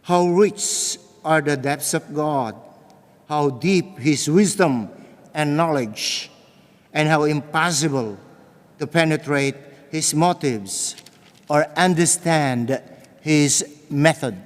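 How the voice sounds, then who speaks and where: A man reading scripture aloud as lector at Mass, formal and solemn, in a large echoing church. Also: fairly high pitch. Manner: measured, formal. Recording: echoing church with long reverb.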